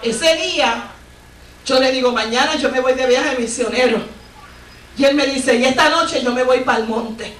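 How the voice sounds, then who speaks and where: High-voiced woman preaching in an echoey church. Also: moderate pace, distant mic, noisy background. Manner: fervent storytelling with exclamations of praise. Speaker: missionary preacher. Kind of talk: Pentecostal sermon testimony. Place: church sanctuary. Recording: echoey church recorded from afar.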